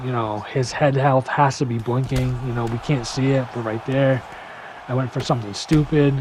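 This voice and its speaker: A young man giving a casual gameplay breakdown, full of "you know" fillers and sometimes rushing to keep up with the action. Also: mid-range voice, fairly even intonation, noisy background. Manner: casual, filler-heavy, talks fast to keep up. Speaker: gaming YouTuber.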